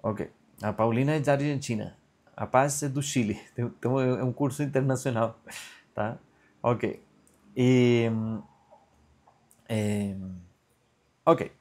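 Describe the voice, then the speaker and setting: Gravelly-voiced man teaching an online class. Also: mid-range voice, a little mellow. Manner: explanatory, many fillers and checks like "entende?"; slow chanted recitation of a verse. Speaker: Sanskrit grammar teacher.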